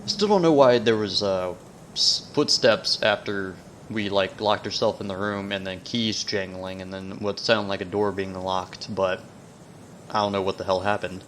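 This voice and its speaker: A man giving casual, rambling gaming commentary, haltingly trailing off mid-thought, with whistling S sounds. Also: deep voice, fairly even intonation, fairly bright tone. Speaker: video game let's player. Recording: noticeable background noise, sensitive mic.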